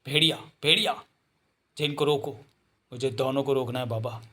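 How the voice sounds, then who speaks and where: A man's voice: mid-range voice, level tone, moderate pace, close to an everyday voice. A man voicing a fierce, proud wolf-man warrior who speaks sternly and defiantly. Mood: urgent.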